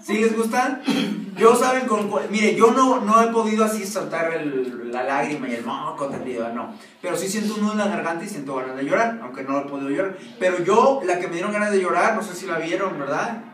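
High-voiced pastor preaching, keeps asking the crowd stuff, echoey and far off. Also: male voice, a little fast, a bit bright. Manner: asks the congregation frequent questions. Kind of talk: sermon. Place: church hall. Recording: echoey room from far off, noisy.

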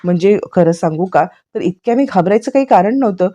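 A woman's voice: mid-range voice, expressive, a little fast, mellow, lightly acted. A woman voicing a sly young woman who teases an elderly relative. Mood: probing.

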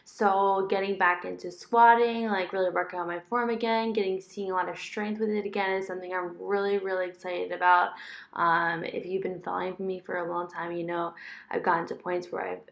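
A woman's voice: fairly low pitch, flat delivery, a little fast, creaky. Chatty young woman vlogging to her phone. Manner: chatty, upbeat, talks straight to camera with many "like"s. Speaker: fitness vlogger. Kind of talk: casual vlog chat. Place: apartment and gym, indoors. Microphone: camera held at arm's length.

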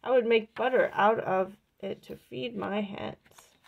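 Casting note: fussy old farm wife with a gravelly voice, loud flustered exclamations, put on by a woman reading a storybook. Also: medium pitch, fairly even intonation, a little slow, phone-quality sound. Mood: fretful. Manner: exclaiming loudly in mild oaths. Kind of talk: reading a picture book aloud.

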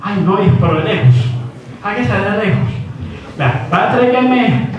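A shrill, impatient mother scolds her hopeless son, as a man puts her on. The voice is raised and fed up, heard from far off in a booming theater hall. The sound is a bit dull. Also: animated, normal speed. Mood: exasperated. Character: exasperated scolding mother, middle-aged woman. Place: theater stage.

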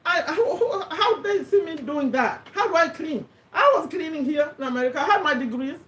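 Animated Ugandan woman in an echoey room. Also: high voice, fairly quick, recorded from a distance. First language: not English. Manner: animated, talks with her hands, repeats points for emphasis. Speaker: host of a live business talk. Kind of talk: casual motivational talk. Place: home room with a bookshelf, indoors. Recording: echoey room, voice a little off-mic.

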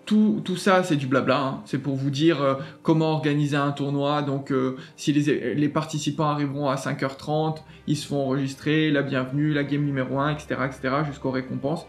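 A man's voice: a little high, level tone, brisk, few pauses. A man hosting a gaming channel, walking through a website in a chatty, enthusiastic way with many fillers and restarts. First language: French. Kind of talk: casual screen walkthrough.

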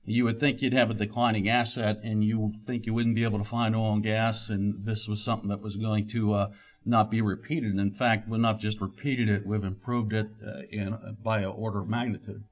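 Halting middle-aged man giving a keynote. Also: lowish voice, level tone. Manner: halting, frequent "uh" fillers and restarts. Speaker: keynote speaker, exploration geologist. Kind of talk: conference keynote talk. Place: conference room, at a podium. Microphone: podium microphone.

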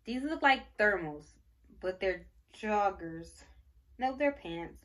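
A pregnant young woman chats casually to her camera. She gushes and rambles, filling pauses with fillers. Her voice sits at an ordinary pitch for a woman. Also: lively intonation, fairly bright tone. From Michigan, United States. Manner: gushing, rambling, many fillers. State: pregnant, briefly out of breath. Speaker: vlogger. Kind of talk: casual baby haul show-and-tell.

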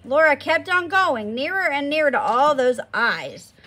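A woman reading a children's novel aloud in an expressive storytelling manner. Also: high voice, a little slow. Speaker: storybook reader.

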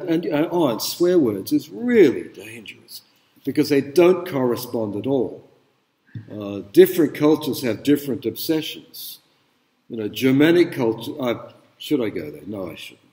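A middle-aged man lecturing in a large hall, his voice booming with long reverb. He talks casually and asks the students questions, using lots of fillers, in a mellow, somewhat high tone. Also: animated, measured pace. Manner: conversational, rhetorical questions, many fillers. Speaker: university lecturer. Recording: echoey hall, speaker away from mic.

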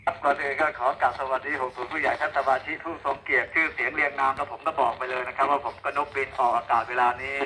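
Over a walkie-talkie, a man talks in a bright, forceful voice at a middling pitch. He chats casually and playfully as a radio operator, teasing as he goes. A faint layer of noise sits on the transmission. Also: fairly even intonation, very fast, hardly any pauses, rough recording.

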